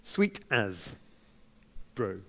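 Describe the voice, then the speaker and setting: A man with a New Zealand accent giving unscripted feedback as a competition judge, speaking in a hesitant, measured way and softening his criticism. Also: on the low side, very animated, gravelly.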